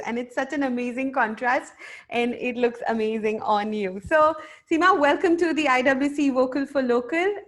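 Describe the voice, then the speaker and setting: A high-pitched woman's voice with an Indian accent leads a casual interview chat. As host she is effusive and complimentary. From Delhi, India.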